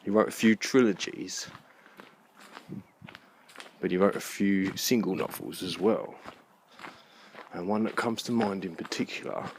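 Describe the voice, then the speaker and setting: Walking through a park at night, a vlogger with a low, steady voice chats to his camera at a measured pace, pausing often. His talk is casual and rambling, with informal muttered asides. The handheld outdoor recording is noisy.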